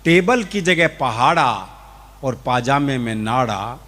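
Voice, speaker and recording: A man's voice: mid-range voice, expressive, slow pace, fairly bright tone. A man performing as a comic poet, delivering anecdotes and humorous verse to an audience.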